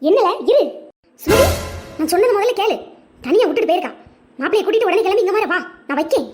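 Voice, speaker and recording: Cartoon nag: a woman playing an older mother-in-law with a Tirunelveli Tamil accent, very high and quick, bossy. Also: expressive, over music. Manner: scolding, bossy. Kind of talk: cartoon voice acting.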